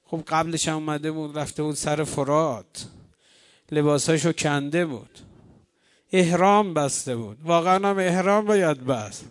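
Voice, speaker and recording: A man preaching a mourning sermon, telling a story to a gathered congregation. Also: fairly high pitch. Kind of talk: mourning sermon with chanted lament.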